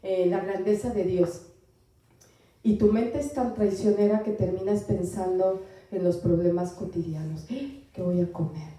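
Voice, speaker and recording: A woman's voice: mid-range voice, fairly even intonation, dark tone. Female preacher with a strained throat, heard from afar in a very echoey hall. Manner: pausing often with fillers, asking the congregation questions. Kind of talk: sermon. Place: church hall. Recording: echoey hall, voice from far off the mic.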